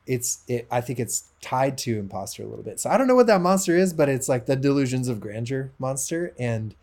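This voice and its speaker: A man hosting a podcast in a relaxed, laid-back chat, full of casual fillers. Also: mid-range voice, brisk. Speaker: podcast host.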